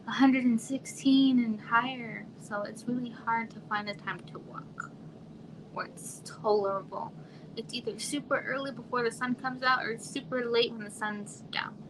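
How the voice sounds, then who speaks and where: Chatting casually with viewers from home, a soft-spoken livestream host from Arizona has a quiet, somewhat high voice. She trails off and sometimes drops to a near whisper, with steady hiss and room noise beneath the audio.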